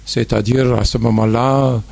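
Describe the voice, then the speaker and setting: A man from Tunisia addresses a panel debate in an even, mid-range voice. He talks haltingly, circling back and restarting his sentences. Now and then he drops in a wry aside. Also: medium pitch, creaky. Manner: hesitant, many restarts and fillers, wry asides. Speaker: panel speaker. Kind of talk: public debate remarks.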